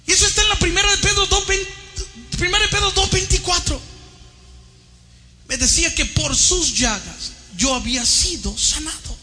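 High, bright-voiced fervent male preacher. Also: normal speed, faint music behind. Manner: fervent, shouting at peaks, addresses listeners as brother. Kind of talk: impassioned testimony sermon.

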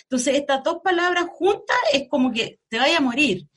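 A Chilean woman journalist recounting her illness in an interview, halting and searching for words. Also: sits high, fairly bright tone. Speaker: journalist guest. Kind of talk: emotional personal interview.

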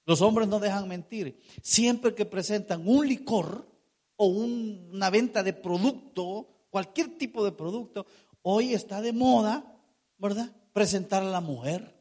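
Emphatic high-voiced male preacher. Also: measured pace, darkish tone, slightly rough. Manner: emphatic, asks rhetorical questions, stretches key words. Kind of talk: sermon.

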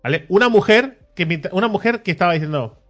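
A young man from telling a lively anecdote in casual chat, mimicking people he met. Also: high voice, quick pace, faint music behind. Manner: animated storyteller, mimics voices of people in the queue.

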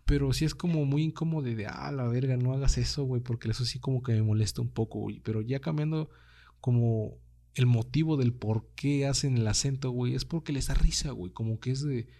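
A man's voice: medium pitch, fairly quick, dark tone. A young man with a Mexican accent, hosting a casual solo podcast and talking in slangy, swear-heavy speech. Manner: slangy, swears freely, says "güey" constantly. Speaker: podcast host.

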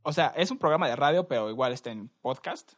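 A young man with a Mexican Spanish accent, co-hosting a podcast and telling stories in a relaxed, slangy, rambling way. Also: medium pitch, fast. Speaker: podcast co-host. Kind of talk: casual chat.

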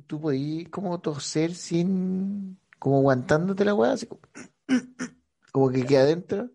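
A man's voice: high-pitched, expressive, unhurried, creaky, dark tone, no room sound. A Chilean man trading profane, teasing insults in crude comic banter with a co-host.

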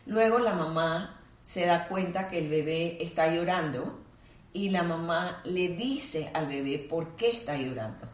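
A woman clinical psychologist explaining things in a calm, measured, teacherly way. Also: lowish voice. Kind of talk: explanatory conversation. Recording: roomy sound from a distant mic.

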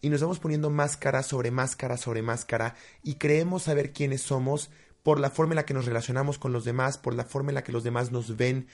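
A young man hosting a motivational self-help show, speaking with passion and building to loud outbursts. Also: mid-range voice. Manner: impassioned, rising to near-shouting when acting out frustration. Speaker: host of a self-improvement show. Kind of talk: motivational monologue.

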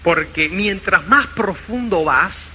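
A man giving a motivational seminar talk, animated, checking in with the audience over and over and acting out quoted people. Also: high voice, takes it slowly, slight background noise, rough recording. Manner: animated, keeps asking "¿me entiendes?"; acts out quoted people in shifting voices. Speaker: motivational speaker.

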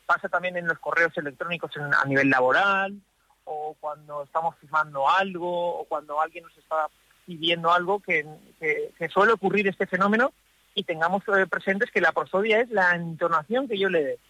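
A man speaking as a psychologist guest on a radio show from a parked car, thoughtful, with pauses and restarts. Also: fairly high pitch, bright, forceful tone, no echo, low-quality recording. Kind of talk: explanatory radio talk.

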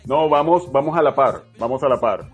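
A man's voice: medium pitch, animated, brisk, breathy edge, soft background music. A man with a Venezuelan accent, a guest voice actor chatting easily in an interview and often repeating his phrases. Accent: Venezuelan Spanish. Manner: repeats phrases, easygoing storyteller. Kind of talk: relaxed conversational interview.

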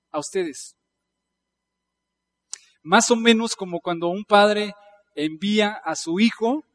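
A male pastor, preaching in a conversational style with emphatic bursts. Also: high-pitched. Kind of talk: sermon.

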